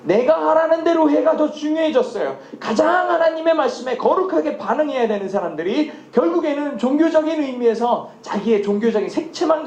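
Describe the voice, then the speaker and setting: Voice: sits high, darkish tone, echoey room, a little hiss or hum. A pastor preaching a sermon and often asking the congregation rhetorical questions.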